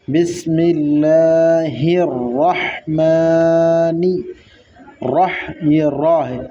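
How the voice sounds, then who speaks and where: Man teaching tajweed slowly, mellow voice. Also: on the high side. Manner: patient, repeats each sound slowly to demonstrate. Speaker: Quran recitation teacher. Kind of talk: tajweed lesson, explaining and reciting. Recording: dull lo-fi sound with faint background noise.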